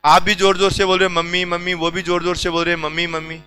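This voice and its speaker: Man, teacher, classroom lecture, teasing, high bright voice, faint music behind. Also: level tone, quick pace, poor audio. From India. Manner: teasing, talks straight to the class.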